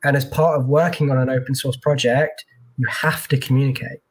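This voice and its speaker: A man's voice: mid-range voice, level tone, fairly quick. A man working as a tech recruiter, chatting casually in an interview with lots of fillers and restarts, heard over a video call.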